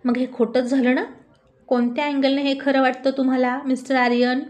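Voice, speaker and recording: A woman's voice: sits high, flat delivery, a little fast, a little mellow, lightly acted. A woman voicing a feisty teenage girl who bickers indignantly with a cousin. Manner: indignant, teasing.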